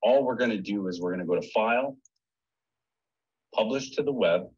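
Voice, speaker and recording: A man's voice: fairly low pitch, moderate pace, darkish tone, breathy edge. A man presenting a webinar, walking viewers through a screen-share tutorial in a friendly, step-by-step way over a computer mic. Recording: dull lo-fi webinar audio.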